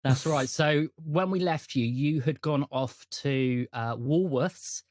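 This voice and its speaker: Here a man hosts and runs the game on a tabletop role-playing podcast, speaking slowly in a mid-range, slightly mellow voice. His casual chat introduces and recaps the game, full of jokes and teasing.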